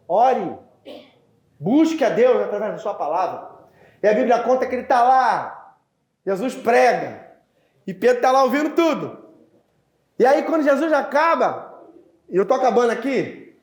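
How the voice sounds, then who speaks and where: Man, pastor, sermon, very high voice, acts out dialogue, echoey church room. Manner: animated storytelling, acting out dialogue, often addressing "queridos".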